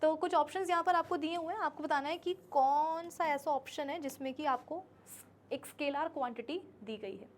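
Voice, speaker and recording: A woman's voice: high-pitched, normal speed, a little hiss or hum. A woman teaching a physics class, chatty, acting out little scenes and her students' replies, often checking that they understand. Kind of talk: classroom lecture in Hindi with English terms.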